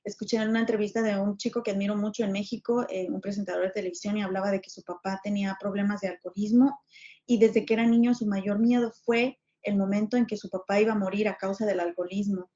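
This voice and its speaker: A Mexican woman in her forties, a journalist and businesswoman, tells her story as a guest on a podcast interview, speaking earnestly and with emphasis. Her mid-range voice is warm and steady, and she talks quickly. The recording sounds dull and lo-fi.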